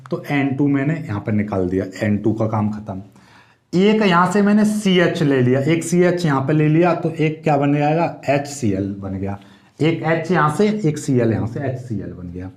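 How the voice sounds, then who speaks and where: A man's voice: fairly high pitch, expressive, normal speed, reverberant. A man teaching chemistry, explaining each step and asking questions to his students. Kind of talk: board exam lecture.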